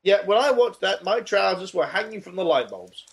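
A man co-hosting a podcast, talking casually in a rambling, jokey way with halting restarts. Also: high voice, big pitch swings, vocal fry. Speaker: podcast co-host. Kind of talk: casual chat.

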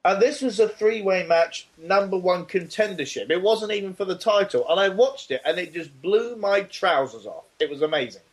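A man in casual podcast chat, with a voice pitched a little above most men's. He rambles and jokes, often restarting his sentences. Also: expressive. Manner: rambling, jokey, halting restarts. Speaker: podcast co-host.

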